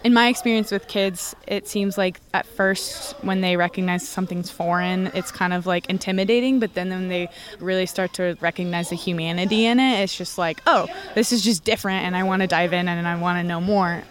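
A woman's voice: lowish voice, steady tone, fairly quick. A woman who coordinates projects for an arts nonprofit, speaking casually in an interview. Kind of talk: interview soundbite.

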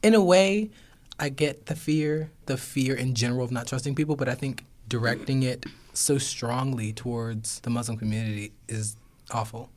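A man's voice: medium pitch, steady tone, moderate pace, a little mellow. Teen boy chatting on youth radio. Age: teens. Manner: casual, lots of fillers. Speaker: student panelist. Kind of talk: casual discussion. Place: radio studio.

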